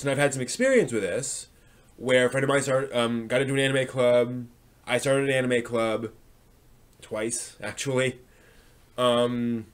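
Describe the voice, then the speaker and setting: A medium-pitched male voice belongs to a livestream host who talks to his audience off the cuff. He tends to ramble and hesitate, thinking out loud as he goes.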